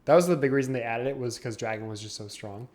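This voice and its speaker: Here a young man co-hosts a podcast in casual chat, frequently laughing while explaining game rules. He talks fast, with a medium pitch and a slightly mellow quality.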